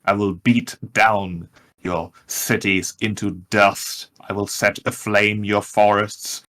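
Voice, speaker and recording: Guy doing a proud vengeful dragon, deep voice, slow pompous threats, tabletop game villain. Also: little pitch movement, fairly bright tone. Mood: menacing. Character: arrogant, vengeful male dragon, menacing and grandiose.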